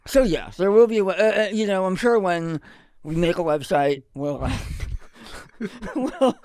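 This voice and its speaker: A man talking as a podcast guest in a dry studio. His voice is smooth and sits fairly high, and he speaks hesitantly, stopping and restarting his sentences. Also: lively intonation, measured pace, darkish tone, dry recording. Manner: hesitant, many ums and restarts. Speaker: guest filmmaker. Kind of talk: casual podcast chat.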